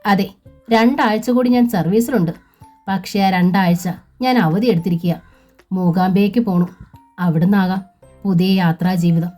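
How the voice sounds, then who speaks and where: A woman voicing an older male schoolteacher near retirement, speaking in a calm, reflective way in a storybook reading. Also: mid-range voice, unhurried, soft background music, natural voice.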